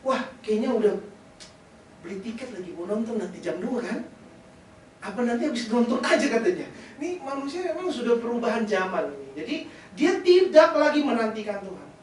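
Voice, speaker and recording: A man's voice: very high voice, animated, a little fast, far from the mic. A man preaching a sermon as pastor, joking and conversational, often asking the congregation rhetorical questions. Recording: very echoey hall, voice off-mic, faint hiss.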